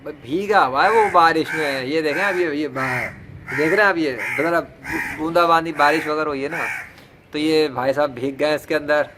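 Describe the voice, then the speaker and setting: A man's voice: on the high side, moderate pace. A man filming a crow outdoors on his phone, chatting playfully and coaxing the bird as he talks to viewers. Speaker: vlogger. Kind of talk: casual vlog, talking to a crow. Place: outdoors near a perched crow, after drizzle. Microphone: phone camera. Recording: outdoor phone recording, steady background noise.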